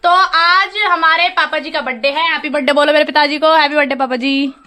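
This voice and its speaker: A woman's voice: sits high, fairly even intonation, a little fast, bright, forceful tone. A woman vlogging casually at home and at a village temple feast, chatting straight to her viewers. She talks in a rural dialect and drops English words in here and there.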